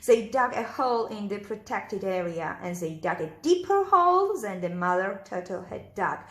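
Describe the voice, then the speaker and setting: A woman's voice: medium pitch, sing-song, moderate pace. A woman reading a storybook aloud to young children, talking to them directly in an exaggerated sing-song way. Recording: echoey room.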